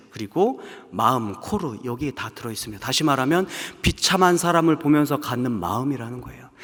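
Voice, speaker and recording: Fervent male pastor preaching in an echoing church. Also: on the high side. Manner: swings between fervent raised passages and hushed whispers. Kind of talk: sermon. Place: large church sanctuary. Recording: long hall reverb from a large church.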